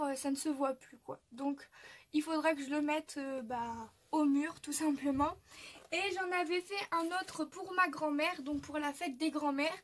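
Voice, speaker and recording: Young french woman showing her crafts, high voice, lots of euh and restarts, super chatty. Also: a bit bright. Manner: chatty, many fillers and restarts. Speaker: craft youtuber. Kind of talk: casual craft tutorial.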